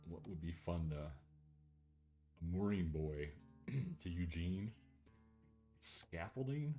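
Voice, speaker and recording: A man's voice: low voice, expressive, slow, warm tone, soft background music. A man streaming a game over a headset mic, chatting casually and thinking aloud as he plays. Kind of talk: casual livestream chat while playing. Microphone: livestream headset mic.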